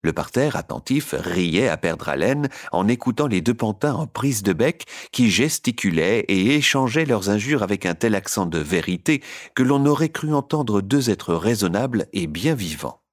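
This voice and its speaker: A man reading a children's story aloud in an expressive narration. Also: fairly low pitch, normal speed.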